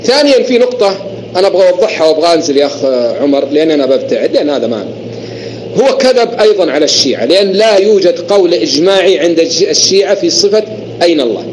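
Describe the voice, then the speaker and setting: A man's voice: a little high, expressive, very fast, rough recording. A man arguing in an online religious debate, stacking his points in long rhetorical lists. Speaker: debater in an online voice chat room.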